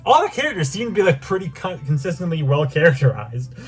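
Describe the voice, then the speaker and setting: A man casually ranking cartoon and game characters, animated and excitable, often breaking into high-pitched outbursts with a slightly strained voice. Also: fast talker, faint music behind. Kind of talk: casual tier-list commentary.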